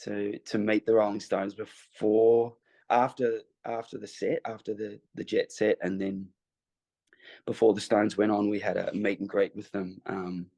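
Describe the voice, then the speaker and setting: Low gravelly man telling stories haltingly. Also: flat delivery, warm tone, highs cut off. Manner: rambling, hesitant storytelling. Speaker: guest musician. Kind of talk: interview anecdote.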